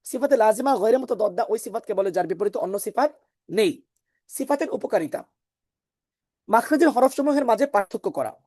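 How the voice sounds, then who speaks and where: A woman's voice: a little high, animated, fairly quick, long pauses, warm tone, no room sound, clean studio sound. A woman teaching an online class on Quran recitation, explaining patiently, repeating her points and asking the students questions.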